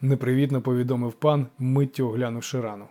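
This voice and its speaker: Male audiobook narrator, dark tone. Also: medium pitch, steady tone, fast talker.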